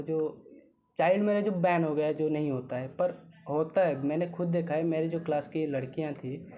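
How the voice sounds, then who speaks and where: Casting note: young male student from Odisha, halting casual talk, thin phone-like sound with faint background hiss. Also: a little high. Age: young adult. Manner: hesitant, restarts often, mixes in English words. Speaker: guest, student. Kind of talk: casual conversation. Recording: phone-like lo-fi audio with faint noise.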